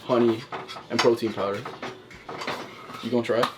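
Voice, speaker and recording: A man's voice: mid-range voice, little pitch movement, normal speed, background noise. A young man from Queens with a New York accent, chatting casually and slangily in a vlog. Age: young adult. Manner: slangy, off-the-cuff. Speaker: baseball player, vlog subject.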